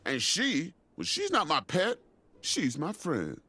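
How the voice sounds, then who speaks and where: An actor playing a gruff, defensive male knight in a video game, blustering and touchy. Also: on the high side, wildly swooping pitch, slow pace, bright, forceful tone, full character voice.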